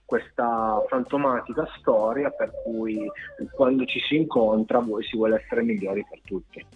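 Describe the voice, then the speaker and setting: A man's voice: lowish voice, steady tone. Male singer guest calling in by phone, tinny and narrow line, hesitant delivery, faint music behind. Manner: halting, many fillers, keeps stressing he's being honest. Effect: heard over a phone line. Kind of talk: casual radio interview.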